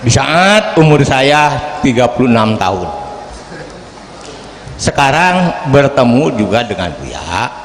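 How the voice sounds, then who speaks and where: A man in his sixties asks a question at a religious gathering, in a formal, animated way that rises to loud, emphatic bursts. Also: mid-range voice, slow. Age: 60s. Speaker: audience member asking a question. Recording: echoey hall with faint background hiss.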